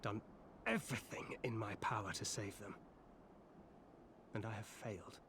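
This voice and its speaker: A man's voice: on the low side, fairly even intonation, normal speed, background noise, close to an everyday voice. A man voicing a stern battle-worn warrior. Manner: clipped, commanding, unsentimental. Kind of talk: video game voice acting.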